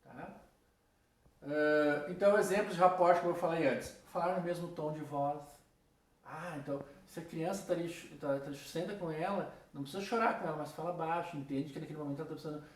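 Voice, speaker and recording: Man, casual philosophy lesson, slightly high voice, echoey room. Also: brisk. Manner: casual, talks straight to students with asides. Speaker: philosophy teacher. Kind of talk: recorded class lecture. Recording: roomy, from a distance.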